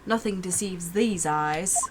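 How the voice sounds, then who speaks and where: Give me a woman playing a self-assured eccentric gentleman detective who speaks slowly and theatrically. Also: fairly low pitch, noisy background. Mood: grandiose. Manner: grandiose, theatrical, old-fashioned phrasing.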